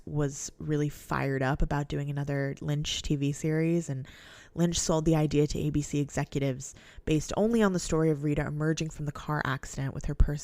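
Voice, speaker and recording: Woman podcast co-host, very low voice, dry close recording, reads notes then chats loosely. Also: darkish tone, no room sound. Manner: reads passages aloud then chats loosely with fillers and swearing. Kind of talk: casual podcast chat and reading notes.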